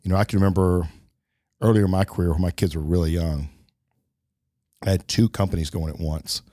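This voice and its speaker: Middle-aged guy musing on a podcast, low mellow voice, dry sound. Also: steady tone, fairly quick, no room sound. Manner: reflective, many fillers and restarts. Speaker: podcast co-host. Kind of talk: casual conversation.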